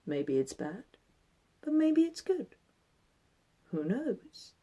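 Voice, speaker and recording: Woman playing a wise old sage guy from a folktale, calm and patient, quiet, pitch rising and dipping. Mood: calm, philosophical. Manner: wise old sage, measured and unhurried pronouncements. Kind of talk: oral storytelling.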